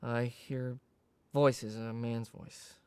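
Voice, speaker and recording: An actor playing a distressed man in a counseling demonstration, talking haltingly with many pauses and fillers. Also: medium pitch, level tone, smooth. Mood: uneasy. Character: anxious young man reliving a painful memory. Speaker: preclear in a demonstration session.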